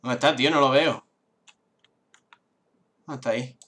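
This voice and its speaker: Young male gaming YouTuber, bright tense tone, repeats words in frantic bursts. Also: mid-range voice. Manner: excitable, swears, repeats words rapidly. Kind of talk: live gameplay commentary.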